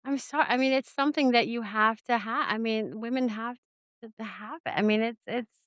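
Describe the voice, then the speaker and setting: A woman's voice: fairly high pitch, normal speed, fairly bright tone, dry recording. A woman co-hosting a casual podcast, rambling with many fillers and restarts and giggling asides. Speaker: podcast co-host. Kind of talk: casual chat.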